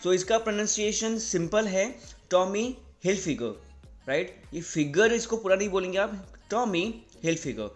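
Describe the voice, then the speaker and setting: A young man with an Indian accent and a fairly high voice teaches a casual video lesson. He says each word slowly and asks "right?" again and again. Faint music plays behind him. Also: animated. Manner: repeats words slowly, often asks "right?". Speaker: English teacher.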